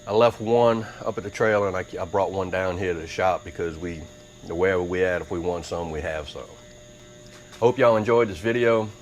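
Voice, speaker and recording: A man's voice: low-pitched, fairly even intonation, brisk, soft background music, poor audio. A Southern man hosting a casual cooking vlog, talking in a folksy, chatty drawl. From Mississippi. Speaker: cooking channel host. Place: workshop with insects outside.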